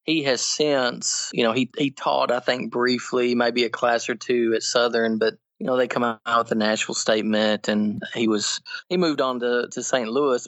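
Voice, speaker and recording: A man being interviewed on a podcast as a guest theologian, explaining in an earnest way and growing animated when he argues. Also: mid-range voice, no room sound, dull audio. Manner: earnest, animated when critiquing, frequent restarts.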